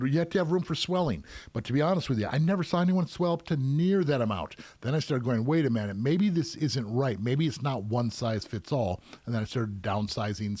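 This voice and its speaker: A man's voice: mid-range voice, a little mellow, no room sound. A middle-aged man hosting a live question-and-answer stream as a professional piercer, explaining casually at length with plenty of fillers. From United States.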